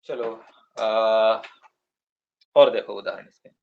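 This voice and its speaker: A man teaching Sanskrit to children in a classroom, patiently spelling out words and sounds slowly. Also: on the low side, steady tone, creaky, muffled recording. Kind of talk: classroom explanation.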